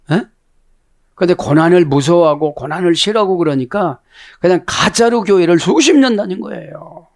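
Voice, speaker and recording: Fervent middle-aged male pastor, prodding questions. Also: high voice. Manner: prods listeners with constant questioning interjections; explains Greek words slowly and emphatically. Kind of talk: sermon.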